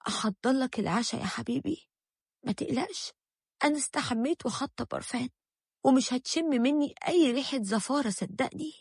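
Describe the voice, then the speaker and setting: A woman's voice: sits high, a little fast, creaky, a little mellow, husky, no echo, studio quality, heavily acted. A woman with an Egyptian accent voicing a young working wife who speaks firmly and with hurt in a storybook tale.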